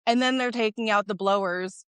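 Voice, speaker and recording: A woman co-hosting a sports podcast in casual chat, supportive and quick with affirmations. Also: medium pitch, clear, resonant tone, no echo. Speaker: podcast co-host.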